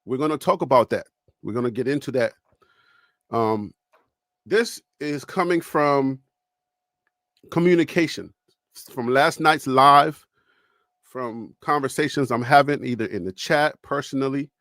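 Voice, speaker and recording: A man with a Liberian accent hosts a live sports talk stream from his home studio, speaking straight to his viewers in a loose, chatty storytelling way. His voice is mid-range and a bit bright, unhurried with frequent pauses, and there is no echo.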